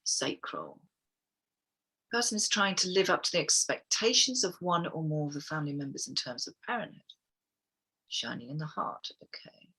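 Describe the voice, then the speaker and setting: Bright, husky-voiced woman. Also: low voice, lively intonation, moderate pace, low-quality recording. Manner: soft-spoken, musing, often murmuring "okay" between readings. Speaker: wellness guest speaker. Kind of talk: reading chakra statements and guiding affirmations on a group call.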